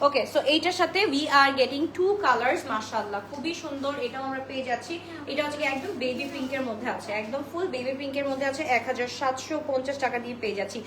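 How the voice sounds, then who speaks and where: High, fast-talking woman selling dresses live. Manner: chatty, greets viewers by name, mixes in English phrases. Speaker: online boutique seller hosting a live sale. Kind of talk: live-stream sales pitch. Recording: roomy echo with steady background noise.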